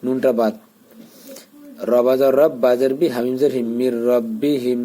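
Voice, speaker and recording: A man teaches Quran recitation, spelling out each letter and vowel mark one by one. His voice is warm and dark at an everyday pitch. He talks in a patient, repeating way. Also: fairly even intonation, slight background noise. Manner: patient, repeats syllables slowly, gives pronunciation pointers.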